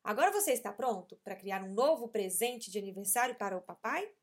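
A woman voicing a patient, gentle mother in a children's story, speaking in a soothing, coaxing way. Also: medium pitch, expressive, fast, lightly acted.

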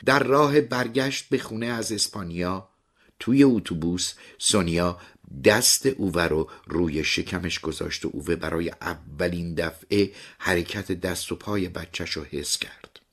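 Husky low-voiced male storyteller. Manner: expressive storytelling with lively pitch swings. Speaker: audiobook narrator. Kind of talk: storybook narration.

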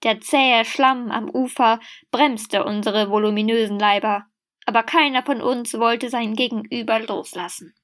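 A woman reading a story aloud, acting out the shouted lines in the dialogue. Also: on the high side, steady tone, unhurried. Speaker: reader.

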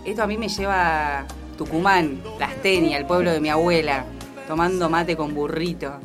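A woman with an Argentine accent in casual chat, reacting quickly and expressively. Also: deep voice. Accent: Argentine Spanish. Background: music.

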